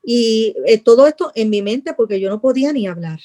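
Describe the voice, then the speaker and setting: A middle-aged woman, telling her personal testimony in an interview, earnest and repeating phrases, dropping softly when she recalls praying. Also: fairly high pitch, lively intonation, brisk.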